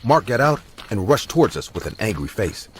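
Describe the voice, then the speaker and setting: A man's voice: lowish voice, very animated, fairly quick, a little hiss or hum. A man reading a scripted horror story aloud in a dramatic storytelling manner. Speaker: narrator.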